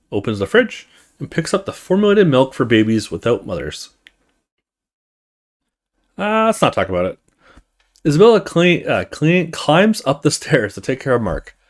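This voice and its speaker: Reading a horror story game aloud for his let's play, this male host lets his pitch wander all over while telling the tale. Scripted narration mingles with his own casual asides.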